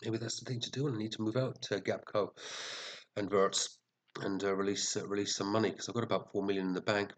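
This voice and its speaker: Male fantasy football host, deep register, bunged up and sniffly, chatty off-the-cuff commentary with mild swearing. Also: steady tone, fast talker. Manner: chatty, muttering to himself, mildly sweary. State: sniffly, congested with a head cold. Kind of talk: casual rambling commentary reviewing team scores.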